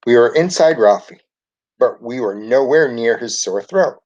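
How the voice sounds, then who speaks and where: A man reading a children's picture book aloud in a steady narrating voice. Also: medium pitch, a little slow, muffled recording. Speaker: storybook reader.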